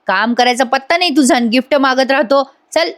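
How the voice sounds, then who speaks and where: In a serial recap, a woman voicing a hot-tempered young man who barks orders and threatens. The delivery is sharp and commanding. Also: sits high, a little fast, pitched above the performer's own voice. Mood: angry. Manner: angry, commanding.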